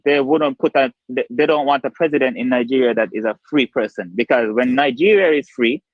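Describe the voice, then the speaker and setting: A man's voice: medium pitch, brisk, dry recording. A man from Saint Kitts with a Kittitian accent, speaking casually and earnestly as a caller to a talk show, repeating phrases for emphasis. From Saint Kitts and Nevis, Caribbean. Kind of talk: casual opinionated chat. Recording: dull lo-fi call audio.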